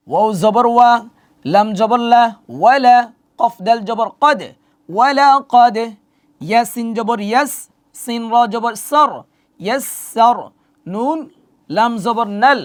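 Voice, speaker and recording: A Quran reading teacher giving an online lesson, patiently spelling out Arabic letters and vowel marks syllable by syllable and repeating drills. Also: mid-range voice. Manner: patient, asks questions to the learner and answers them.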